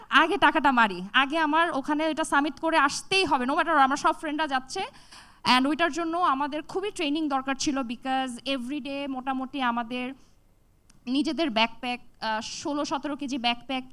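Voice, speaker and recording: A young woman speaks to an audience in a high, bright voice. She tells a personal story with energy and switches voices to play out the dialogue. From Bangladesh. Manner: animated, acts out dialogue with shifts in voice. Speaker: TEDx speaker. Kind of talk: storytelling talk.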